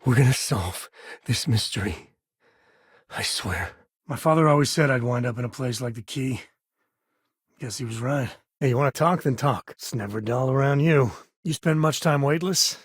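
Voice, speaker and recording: Sam Coe, husky easygoing space cowboy, acted by a man. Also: medium pitch, normal speed, dry recording, studio quality, natural voice. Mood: earnest. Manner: folksy, conversational, wry. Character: easygoing, warm-hearted frontier spacefarer, a devoted father. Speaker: video game companion character. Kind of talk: video game character dialogue.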